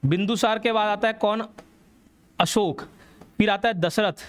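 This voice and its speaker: A man's voice: sits high, unhurried, a little hiss or hum. A man teaching a classroom history lecture, telling the story and quizzing students as he goes. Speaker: exam coaching teacher.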